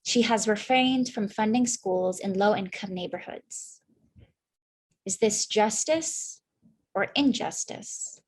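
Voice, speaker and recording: A woman's voice: medium pitch, takes it slowly, slightly rough. A young woman playing a news anchor in a staged newscast, formal delivery.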